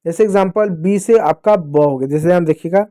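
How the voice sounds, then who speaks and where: A man's voice: high-pitched, moderate pace, dark tone, no room sound, clean studio sound. A young man teaching a phonics lesson to young children, patiently repeating rules and asking and answering his own questions.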